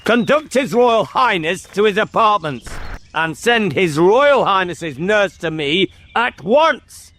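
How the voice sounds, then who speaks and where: A man's voice: very high voice, huge pitch swings, normal speed, few pauses, voice pushed up, exaggerated voice. A man voicing a stern, short-tempered king and uncle in a storybook, imperious and scolding. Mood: thunderous, angry. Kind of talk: dramatic storybook character reading.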